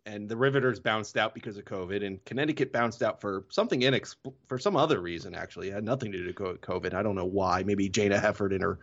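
A man's voice: lowish voice, fast talker, hardly any pauses, fairly bright tone, dull audio. A man hosting a hockey podcast in casual chat, often correcting himself mid-sentence. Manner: rambling, self-correcting.

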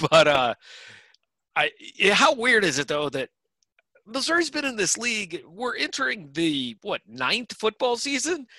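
A man's voice: high voice, sing-song, measured pace, bright, forceful tone, dry recording, poor audio. A man co-hosting a sports podcast in casual chat, with dry, wry humor and frequent restarts.

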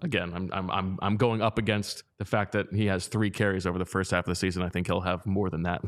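Speaking quickly in a low, level voice, this man trades casual sports chat on a podcast he co-hosts. He fills his speech with fillers and keeps the tone conversational while firing sharp pushback at his partner.

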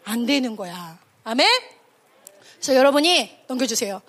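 A woman's voice: on the high side, animated, moderate pace, husky. A woman evangelist preaching a sermon to young people at a camp, with emphatic rhetorical questions and acted-out quotes. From Korea.

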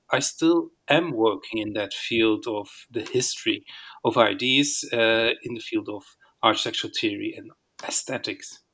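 A man from northeast Belgium, a historian giving a steady, explanatory account in an interview, with some fillers. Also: on the low side. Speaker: intellectual historian, interview guest. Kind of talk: casual interview answers.

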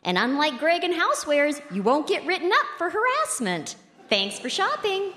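A woman doing a very high-voiced store announcer over a PA. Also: normal speed, exaggerated voice. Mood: chirpy deadpan. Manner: chirpy announcer patter, deadpan asides. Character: cheery female supermarket announcer, increasingly frazzled. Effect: over a store PA system. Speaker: sketch performer. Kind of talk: live radio sketch comedy. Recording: echoey hall with music behind.

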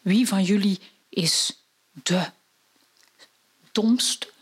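A woman's voice: medium pitch, drawn-out words, slightly rough. A woman with a Flemish accent voicing a fussy, eager-to-please husband in a told story. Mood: fretful. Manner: soothing, chatty.

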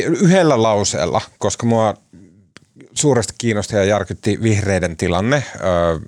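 A man hosting a podcast, asking questions in a lively, playful way during casual discussion. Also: on the low side, no room sound, studio quality.

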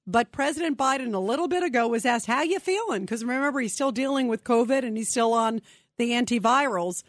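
A woman with a fairly high, expressive voice talks briskly with no echo. She hosts a radio talk show, offering opinionated commentary in a conversational way and speaking directly to her listeners.

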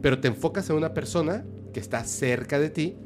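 A man, a podcast guest telling a story in animated conversation, often checking that the listener is following. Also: a little high, a little fast. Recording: music playing under the voice.

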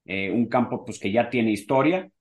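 A man's voice: medium pitch, normal speed. A man co-hosting a casual golf podcast, talking in long rambling sentences full of fillers. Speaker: podcast co-host.

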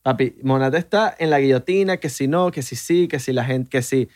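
A man's voice: mid-range voice, normal speed, a little mellow, no room sound. Laid-back Venezuelan man, dry sound. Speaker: podcast co-host. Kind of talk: casual chat.

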